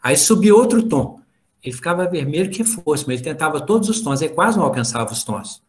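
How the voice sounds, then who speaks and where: A middle-aged man lectures to a study group over a video call. He tells family stories and acts out the dialogue. He talks fast, in a voice a little higher than usual. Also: animated. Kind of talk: informal spiritual talk.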